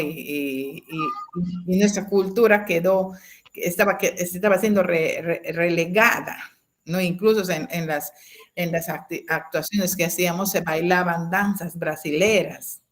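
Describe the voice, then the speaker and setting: A woman in her fifties, a teacher, tells a personal story over a video call, with many restarts and tag questions. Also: low voice. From Peru. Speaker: teacher sharing a testimony. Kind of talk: personal anecdote in an online class.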